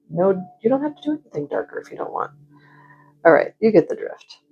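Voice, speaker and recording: A woman hosting a casual, chatty watercolor tutorial in a rambling, self-deprecating, slightly scattered way, with a slightly husky, creaky voice. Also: lowish voice, warm tone, dull audio. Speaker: painting instructor.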